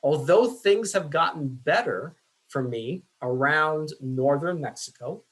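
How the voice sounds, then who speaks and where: A man teaching statistics in a casual, self-deprecating way, with many fillers, his voice going hoarse. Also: fairly high pitch, fairly bright tone, poor audio. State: losing his voice. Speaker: statistics instructor. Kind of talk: screen-share lecture.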